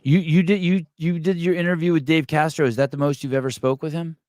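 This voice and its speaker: A man's voice: fairly high pitch, fairly even intonation, quick pace, a little mellow, dry recording, clean studio sound. A man hosting a podcast in loose, casual interview chat, swearing freely and stammering on restarts. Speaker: podcast host.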